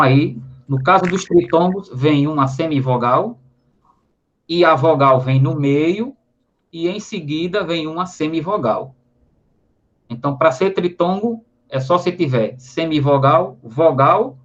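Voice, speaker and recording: Recorded in slightly dull lo-fi audio, a Brazilian man teaches grammar in an online lesson. His voice is a little high and fairly bright, carrying a Brazilian Portuguese accent, and he often adds tag questions and spells out syllables.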